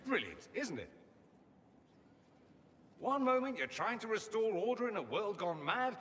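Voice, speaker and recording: A man's voice: high-pitched, sing-song, unhurried, fairly bright tone, in a large hall, a little hiss or hum, heavily acted. An actor playing a witty, self-assured male mage from a foreign empire, theatrical in manner, in video game dialogue.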